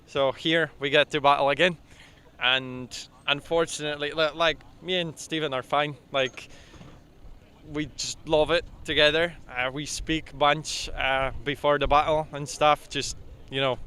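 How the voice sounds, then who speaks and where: A drift driver from Poland gives casual interview answers outdoors at a drift event. His voice is bright and a little high, at a moderate pace, and he sounds relaxed but hesitant, with many "uh"s.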